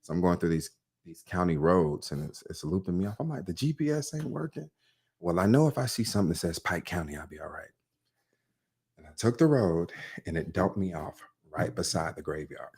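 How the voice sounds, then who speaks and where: Interview guest, man, very low voice, candid storyteller with self-mocking humor. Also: expressive, a little fast, a little mellow, slightly rough. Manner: candid, storytelling, jokes about himself. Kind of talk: casual interview chat.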